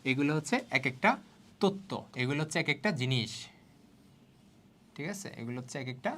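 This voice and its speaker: A young man from Bangladesh teaches biology online at a quick clip. His delivery is chatty and casual. He keeps asking his students whether they are following, and drops English words into the explanation as he goes. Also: medium pitch, lively intonation, pushed and bright, a little hiss or hum. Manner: checks in with students constantly. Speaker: biology tutor. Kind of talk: online exam-prep lesson.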